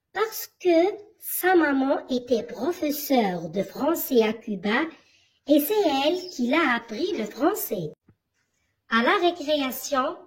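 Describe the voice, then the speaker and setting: Leading young pupils through a text, a woman who teaches primary school uses a bright, high, animated voice. Her delivery is unhurried and instructive, punctuated by questions for the class.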